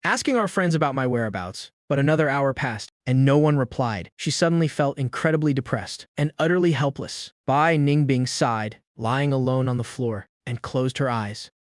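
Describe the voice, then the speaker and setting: A man narrating a comic story recap in a steady, even storytelling manner. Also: medium pitch, moderate pace, hardly any pauses, no echo, clean studio sound.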